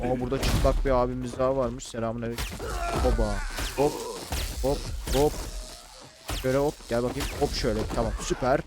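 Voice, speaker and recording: A young man casually commentating a let's-play, chatty and slangy, shouting and yelping when fights get heated. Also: mid-range voice. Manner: excitable, shouts and yelps during fights. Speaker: gaming YouTuber. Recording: game music and gunfire behind.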